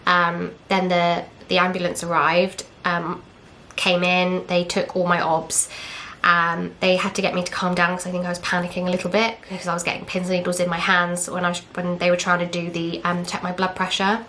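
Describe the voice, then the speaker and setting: Young English woman vlogger, chatty and candid, low flat delivery, slight hiss behind. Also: normal speed, hardly any pauses. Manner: candid, chatty, retells with quoted dialogue and fillers. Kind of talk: casual storytelling.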